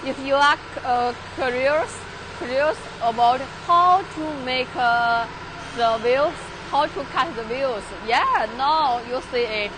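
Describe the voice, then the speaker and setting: A young Chinese woman touring a large factory workshop in halting English with a Chinese accent, repeating words and using many fillers, filmed on a handheld phone. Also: sits high, noisy background. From China. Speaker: factory tour guide. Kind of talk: live factory tour walkthrough. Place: large industrial workshop and outdoor factory yard.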